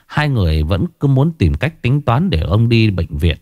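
A man's voice: on the low side, sing-song, moderate pace, darkish tone, dry recording, clean studio sound. A man narrating a ghost story in a dramatic storytelling manner.

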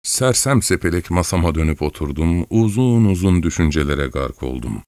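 Man, audiobook narrator, very low voice, expressive and wry, dry close studio sound. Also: normal speed, dry recording. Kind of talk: first-person audiobook narration.

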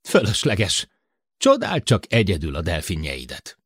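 A man's voice: sits low, wildly swooping pitch, a bit bright, husky, no room sound, clean studio sound, heavily acted. A man reading an audiobook voices a frightened male spaceship crewman, pleading and urgent. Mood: scornful. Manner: urgent, imploring, sullen when grumbling.

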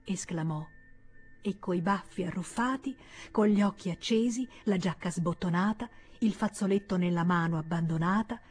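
Husky woman reading a novel aloud. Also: medium pitch. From Italy. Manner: measured, expressive reading. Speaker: audiobook reader. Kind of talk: literary audiobook narration.

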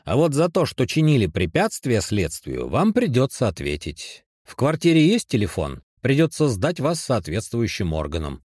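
A man's voice: medium pitch, wildly swooping pitch, moderate pace, few pauses, darkish tone, no echo, studio quality, pitched above the performer's own voice. A man voicing a stern, weary male police lieutenant speaking in an official tone.

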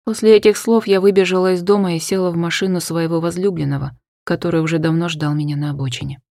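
A woman reading a first-person novel aloud in a measured, dramatic way, sometimes dropping to a hush. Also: lowish voice, steady tone, dry recording, studio quality. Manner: measured, dramatic, drops to hushed tones. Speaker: audiobook narrator. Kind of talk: scripted first-person narration.

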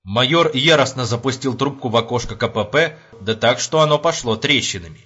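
A man narrating an audiobook in an expressive storytelling manner. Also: medium pitch, fairly quick, breathy edge. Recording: lo-fi home recording.

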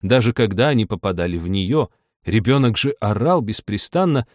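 A man reading a storybook aloud in steady scripted narration. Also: fairly low pitch, normal speed, no echo, clean studio sound. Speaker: audiobook narrator.

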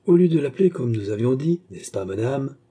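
A man reading an audiobook who voices an effusive, eager French king with excited, exclamatory lines. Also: medium pitch, fairly quick, husky. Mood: gracious. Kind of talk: audiobook character voice.

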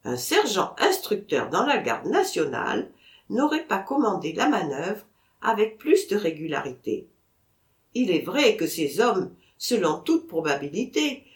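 A woman reading a story aloud as an audiobook narrator, acting out the characters' outbursts in an unhurried way. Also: medium pitch, distant mic. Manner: unhurried, acts out the characters' shouted lines. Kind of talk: scripted narration. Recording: roomy echo.

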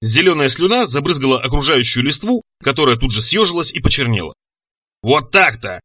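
A man narrating an audiobook with expressive storytelling. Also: medium pitch, fast talker, slightly rough. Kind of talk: scripted narration.

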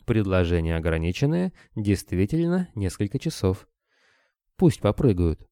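A man's voice: low voice, normal speed, no echo. A man voicing a grim, deathless monster hunter who speaks dryly and tersely. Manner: dry, calm, terse.

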